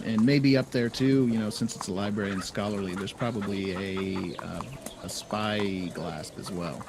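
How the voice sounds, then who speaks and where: Low-voiced man running a tabletop game. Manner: loose, explaining rules as he goes. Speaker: dungeon master. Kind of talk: improvised tabletop game narration. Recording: noisy home podcast recording.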